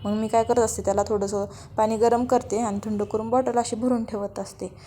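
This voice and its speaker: A woman's voice: fairly high pitch, steady tone, fairly quick, dark tone. A woman narrating her day in a casual, chatty vlog voice-over. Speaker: vlogger.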